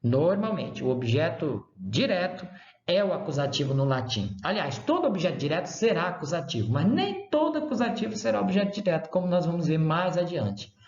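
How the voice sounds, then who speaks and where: Man, Brazilian Portuguese accent, university lecturer, slightly high voice, slow repeated examples, dull echoey recording. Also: sing-song, a little mellow. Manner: didactic, repeats examples slowly, checks in with "né?" and "tá?". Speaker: university Latin professor. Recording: roomy, dull lo-fi sound.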